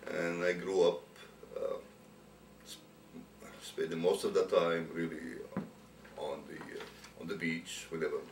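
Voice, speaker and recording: Brief: older man from Egypt, very low voice, halting interview answers, distant roomy recording. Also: steady tone. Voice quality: hesitant, many uhs. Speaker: interviewee, student's father. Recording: roomy, distant, faint noise.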